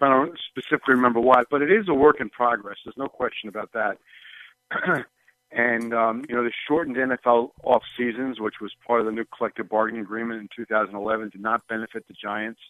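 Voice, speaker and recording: A man speaks over a thin, tinny phone line as a sportswriter guest on a call-in show. His voice sits at an ordinary middle pitch and sounds dry and close. He talks in a loose, hedging way, full of "you know" and "um". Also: fast, no room sound. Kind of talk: casual call-in chat.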